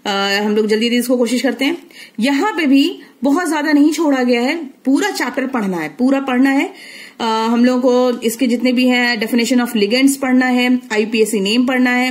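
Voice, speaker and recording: A young woman with a slightly high voice teaches chemistry online. She goes through the syllabus point by point, repeating items and checking in with students often. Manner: explanatory, repeats key points, frequent "theek hai" check-ins.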